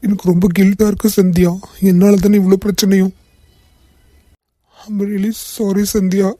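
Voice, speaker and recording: A voice actor plays a young male boss in a cartoon drama, soft-spoken and weighed down by guilt. His voice is very dark and mellow and stays low and flat in pitch. The sound is dry and close to the mic. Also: moderate pace, no room sound, natural voice. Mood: guilty, tearful. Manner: soft-spoken, tearful, repeated apologies. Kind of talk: cartoon voice acting.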